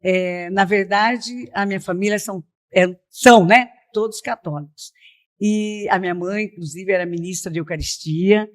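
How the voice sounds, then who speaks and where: A medium-pitched woman's voice moves at normal speed. She is a middle-aged missionary from Piracicaba, São Paulo state, Brazil, telling her personal story as a podcast guest in a conversational interview, with frequent "né?" check-ins.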